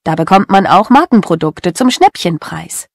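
A woman's voice: on the low side, lively intonation, moderate pace, dry recording, studio quality. A woman playing a sensible, self-assured shopper in an explanatory scripted monologue. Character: sensible, quality-minded female shopper. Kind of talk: scripted first-person monologue.

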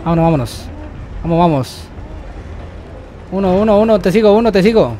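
Excitable high-voiced young man gaming. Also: slight background noise. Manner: excitable, repeats words rapidly, yelps when startled. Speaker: gamer. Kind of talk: let's-play commentary.

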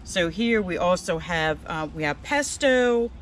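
Out in a fenced backyard, an older woman with an American accent gives a casual, playful, self-deprecating tour of her home garden for her vlog. Her voice runs on the low side, animated and unhurried. The arm's-length handheld camera picks up clearly noisy outdoor ambience.

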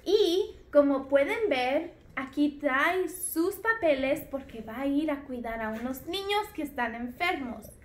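Maestra de voz aguda y pausada. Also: female voice, sits high, lively intonation, echoey room. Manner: slow, clear, encouraging, speaking to small children. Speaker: preschool teacher. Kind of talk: children's lesson with puppets.

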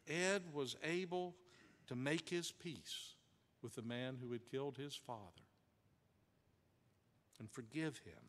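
A male pastor telling a story in a sermon, dramatic, with hushed drops and shifting pace. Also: mid-range voice, in a large hall. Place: church sanctuary.

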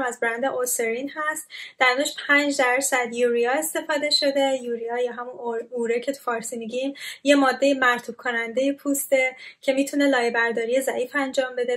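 High-voiced woman explaining skincare. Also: a bit bright. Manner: explanatory, informal, with frequent filler sounds. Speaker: skincare content creator. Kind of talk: casual product review.

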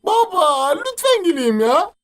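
A woman voicing a cheeky, whiny young son in an animated sitcom. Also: very high-pitched, a little slow, soft background music, exaggerated voice. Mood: pleading.

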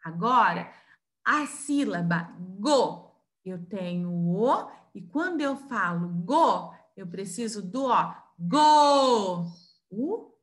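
A woman with a Brazilian accent gives a recorded lesson to small children. Her voice sits fairly high and she speaks very slowly. She sounds out each syllable with care. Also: fairly bright tone. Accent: Brazilian Portuguese. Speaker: preschool teacher.

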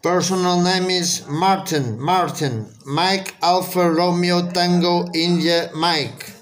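An amateur radio operator with a Portuguese accent makes a radio contact in English, his second language, spelling things out phonetically. He speaks slowly in a high-pitched, steady, slightly bright voice.

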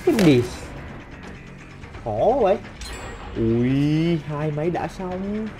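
Brief: male gameplay commentator, slow-spoken but excitable, game music loud underneath. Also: a little high. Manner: excitable, talks and swears at on-screen opponents. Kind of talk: let's play commentary. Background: game music and sound effects.

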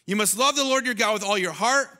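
A pastor in his thirties preaches a sermon on a large indoor church stage, holding a handheld microphone. His voice is high and fast, and he is animated, gesturing as he preaches and frequently restarting his phrases.

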